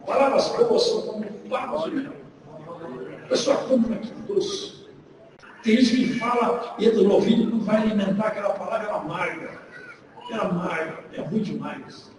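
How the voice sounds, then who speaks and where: A man with a Minas Gerais Brazilian accent preaching a sermon, telling a story with acted dialogue and shouting at the peaks, in a large church hall. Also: high voice. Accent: Brazilian Portuguese, Minas Gerais. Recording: echoey church hall from far off, noisy.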